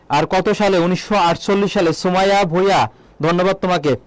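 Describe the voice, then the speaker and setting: A man teaching an online exam-prep lesson, asking students questions, answering them himself and repeating key words slowly. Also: sits high, dry recording. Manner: quizzes students, then answers his own questions. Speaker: admission exam tutor.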